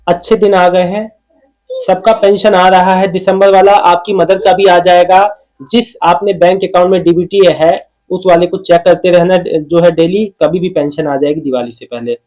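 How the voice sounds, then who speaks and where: A man's voice: high voice, darkish tone, poor audio. A man hosting his own channel, chatting casually as he answers viewers' comments by name and reassures them again and again. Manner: reassuring, repeats "okay" often, addresses viewers by name. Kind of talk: casual talk reading out and replying to comments.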